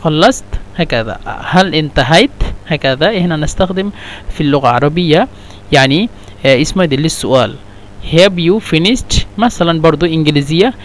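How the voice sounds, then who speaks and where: A man with a fairly high voice gives a casual language lesson. He says each example slowly, says it again, and adds short English glosses. He often stops and restarts with fillers as he explains. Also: lively intonation. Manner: hesitant, with many fillers and restarts. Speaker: Arabic teacher.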